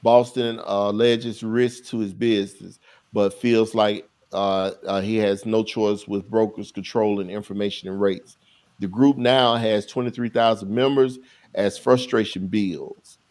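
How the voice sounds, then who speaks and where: A man's voice: lowish voice, fairly even intonation, measured pace, a little mellow. A man co-hosting a casual talk show, reading a news item aloud and then commenting on it. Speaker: podcast co-host. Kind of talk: casual chat.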